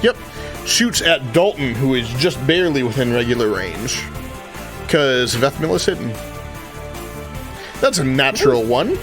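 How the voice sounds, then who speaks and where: A man running a tabletop game as game master, narrating casually in a halting, deliberate way. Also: mid-range voice, expressive. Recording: music playing behind the voice.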